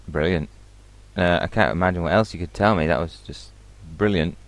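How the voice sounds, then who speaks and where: A man's voice: low voice, a little fast, no room sound. A man giving casual, offhand commentary over a video game as he plays, joking about it. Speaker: let's play host.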